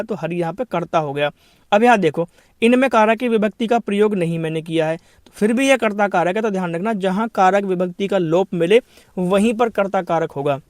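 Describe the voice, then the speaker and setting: A man with a high voice teaches an exam-prep grammar lesson. He poses questions and answers them himself, repeating each point. The recording is dry and close. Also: no room sound. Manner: explains then repeats each point, asks and answers his own questions; addresses students as brother.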